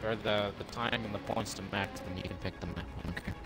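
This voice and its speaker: A man's voice: quick pace, poor audio. A man hosting a game stream, chatting casually with friends and laughing often. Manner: excitable, laughs often, jumpy pitch. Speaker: streamer host. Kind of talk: casual gaming chat. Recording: game stream with music behind.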